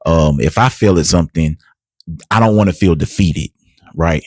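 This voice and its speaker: Host guy, very low voice, hypes up his guest, dry close sound. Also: moderate pace, husky, no room sound. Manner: encouraging, many affirming murmurs, motivational asides. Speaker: interview host. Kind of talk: casual interview hosting.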